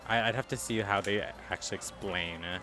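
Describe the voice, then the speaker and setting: A man's voice: lowish voice, fairly quick, over music. A man co-hosting a casual podcast, asking questions and cracking jokes while playing a game. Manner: inquisitive, joking, giggly. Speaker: podcast co-host. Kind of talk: casual chat while gaming.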